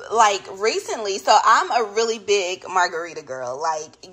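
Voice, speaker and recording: A chatty Southern vlogger in her thirties does a casual grocery haul to camera, peppering her talk with "y'all." She has a Southern accent and a mid-range, slightly bright voice, though the audio is poor.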